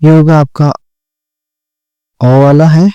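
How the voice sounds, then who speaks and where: A man teaches shorthand at an unhurried pace, spelling out each word and pausing to check understanding. His voice sits somewhat high for a man but has a mellow, smooth tone. The sound is dry and close, with no room echo, and a faint electrical hum runs underneath. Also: level tone, highs cut off. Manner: slow, patient, repeats words and checks understanding. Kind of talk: step-by-step classroom explanation.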